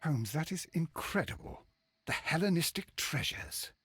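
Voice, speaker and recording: Astonished, husky Watson. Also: male voice, on the high side, very animated, a little slow, a bit bright, dry recording, faint music behind, full character voice. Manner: surprised, earnest. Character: astonished, earnest gentleman, detective's loyal companion. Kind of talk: video game voice acting.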